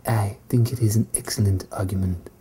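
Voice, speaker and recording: A woman voicing a hungry, boastful yet cowardly sock puppet creature in a comic puppet show, with a hushed, mock-sinister delivery. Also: fairly even intonation, brisk, heavily acted. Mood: sly, sinister. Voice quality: husky, breathy, dark low voice.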